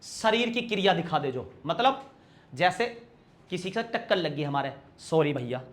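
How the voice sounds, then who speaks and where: A young man teaching a grammar lesson with a lively, teasing manner, asking his students questions and answering them himself, acting out small everyday scenes as he explains. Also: sits high. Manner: acts out little everyday scenes in quick shifts of voice. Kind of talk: exam-prep grammar lesson.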